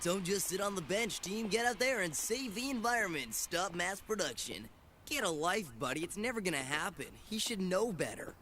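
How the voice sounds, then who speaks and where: Animated, sarcastic young student. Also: male voice, high-pitched, moderate pace, a little hiss or hum. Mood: mocking. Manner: sarcastic, blunt. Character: cynical, mocking young male student. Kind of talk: dramatic dub acting.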